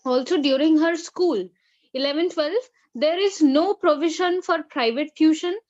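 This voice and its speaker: A young woman in her twenties, a student giving an earnest, halting online talk over a video call with a bad connection that keeps cutting out. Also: sits high, darkish tone. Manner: earnest, halting with many fillers. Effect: choppy audio from a bad connection that keeps cutting out. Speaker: student speaker. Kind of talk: online presentation. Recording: dull lo-fi online call audio.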